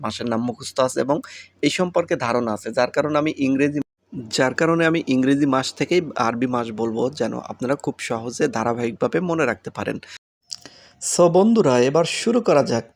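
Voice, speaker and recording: A man with a Bangladeshi Bengali accent gives a casual spoken lesson. His voice sits at an ordinary middle pitch. He says each term several times so listeners can memorize it. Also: animated. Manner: repeats each word slowly for learners. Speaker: language teacher.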